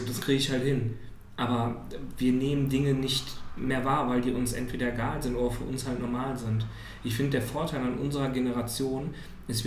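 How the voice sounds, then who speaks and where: In casual chat, a man in his thirties tells rambling, filler-heavy stories. His mid-range voice has a darkish tone. The room is echoey, with faint ambience and slight background noise.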